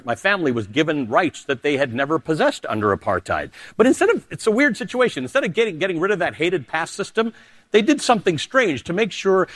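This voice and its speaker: A slightly bright voice with no echo carries this middle-aged Canadian anchor's emphatic political commentary and personal essay. He lowers his voice whenever he turns to personal asides.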